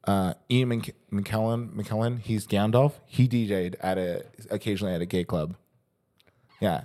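Lowish-voiced man, rambling casual chat. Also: steady tone, normal speed, dark tone. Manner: rambling, swears casually, says "dude" a lot. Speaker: podcast co-host; fitness coach.

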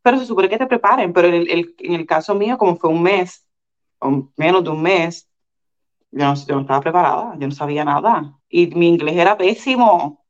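Woman guest, lively storyteller who stumbles over restarts; muffled, lo-fi recording. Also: fairly low pitch, a little fast. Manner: animated, many restarts and repeated words. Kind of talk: casual storytelling interview. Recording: dull lo-fi sound.

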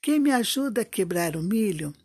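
A woman voicing a gentle, patient hen who asks mildly for help and ends up working alone, in a children's storytelling. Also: mid-range voice, expressive, moderate pace, breathy edge, no room sound. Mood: asking.

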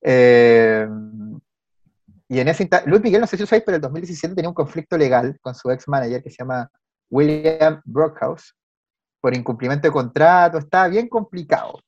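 A man with a Chilean accent, co-hosting a podcast and telling background stories in a lively, colloquial way. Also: a little high, a little fast, no echo, dull audio. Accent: Chilean Spanish. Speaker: podcast co-host. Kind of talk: casual podcast chat.

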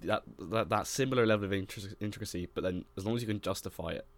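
Fast-talking young man, low voice. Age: young adult. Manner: fast, rambling, full of fillers and restarts. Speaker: podcast co-host. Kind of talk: casual chat.

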